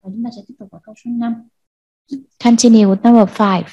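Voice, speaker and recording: A Vietnamese-accented woman teaching an English class to children, slow and patient, repeating answers for pupils. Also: on the high side, steady tone, dark tone, breathy edge, no room sound, dull audio. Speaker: primary school English teacher. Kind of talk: online class lesson.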